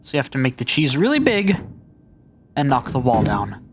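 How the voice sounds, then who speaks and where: A man's voice: mid-range voice, sing-song, normal speed, a little hiss or hum. A man hosting a game video, explaining things casually as he plays. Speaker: gaming channel host.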